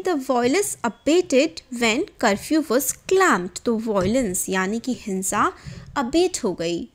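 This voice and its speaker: A woman teaching English vocabulary, giving meanings and usage and spelling out words slowly for correct pronunciation. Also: a little high. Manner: stretches out English example sentences slowly and carefully.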